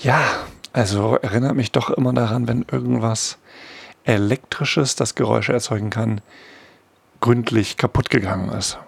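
Man, middle-aged, gravelly, dry close sound, informal explanatory monologue, hesitant wry asides. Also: medium pitch, normal speed, no echo. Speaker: host of a monthly sound feature.

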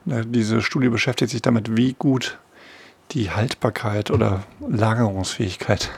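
Middle-aged male host, informal explainer, husky and creaky, wry and musing. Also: on the low side, fairly even intonation, moderate pace. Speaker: host of a monthly sound feature.

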